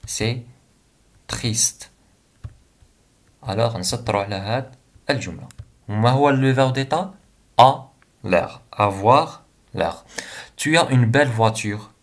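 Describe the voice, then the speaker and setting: A young man with an Algerian accent teaching a French grammar lesson, saying examples slowly and then translating them quickly into Arabic. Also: medium pitch.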